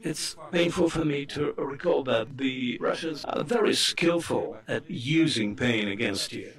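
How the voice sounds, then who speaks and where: A man speaking as a live interpreter, voicing a speaker's testimony in the first person with earnest, measured phrasing. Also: mid-range voice.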